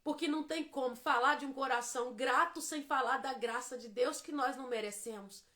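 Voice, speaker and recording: Brazilian woman preacher, high bright voice, gets fervent and shouty. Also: a little fast. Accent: Brazilian Portuguese. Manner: builds to fervent shouting, sing-song prayer. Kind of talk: live devotional sermon.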